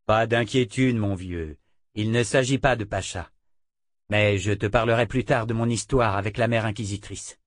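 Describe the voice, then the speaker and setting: A man's voice: on the low side, steady tone, normal speed, dry recording, clean studio sound, natural voice. A man voicing a cheerful young hero. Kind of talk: audiobook character voice.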